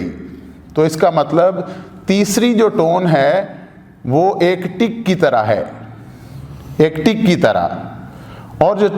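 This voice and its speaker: A man with a Pakistani Urdu accent gives a slow, patient language lesson, repeating each sound to demonstrate it. His voice sits high, and the recording rings in a roomy space with a long tail of reverb. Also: a little mellow. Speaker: language teacher. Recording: echoey room with long reverb.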